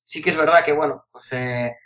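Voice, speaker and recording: Man, security instructor on a podcast; rambling, colloquial, voice on the higher side. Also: fairly even intonation, moderate pace, bright, forceful tone. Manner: rambling, self-interrupting, colloquial. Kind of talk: casual podcast chat.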